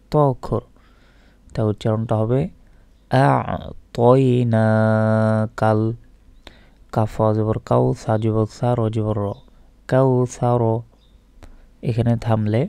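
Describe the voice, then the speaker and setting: A man with a Bangladeshi Bengali accent gives a slow, methodical Quran recitation lesson, spelling out each letter and vowel mark one by one before chanting the verse. His voice is medium-pitched, gravelly and warm, with no echo.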